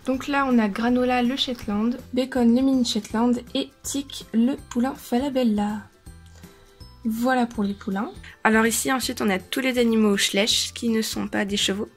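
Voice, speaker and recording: A woman's voice: fairly high pitch, fairly even intonation, normal speed, soft background music. A woman vlogger in an indoor room, chatting casually as she lists her collection, with frequent hesitations. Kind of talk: casual show-and-tell. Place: indoor room shared with siblings.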